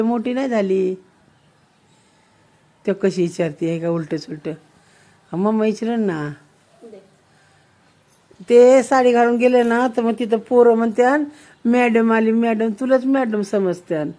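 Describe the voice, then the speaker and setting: A young woman, a mother, chatting playfully with her little daughter, teasing her with lots of quick questions. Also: a little high, warm tone.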